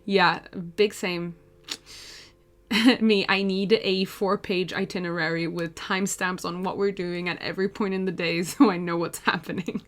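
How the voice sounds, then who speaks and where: A woman's voice: lowish voice, steady tone, normal speed, a bit bright. A woman in her twenties, from Portugal, chatting casually with viewers on a live stream while she draws, laughing easily as she answers messages. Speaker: art streamer.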